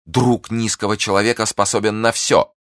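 A man voicing a scheming noblewoman prisoner in an audiobook, pleading and exclamatory, pitched up from his own voice. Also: normal speed, fairly bright tone, dry recording, clean studio sound. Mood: indignant. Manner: pleading, exclamatory, high and breathless. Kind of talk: audiobook character voice.

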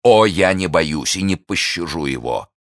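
A man doing a zealous, excitable young officer. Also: deep voice, measured pace, no echo, clean studio sound. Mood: outraged. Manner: exclamatory, impassioned. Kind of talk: audiobook reading.

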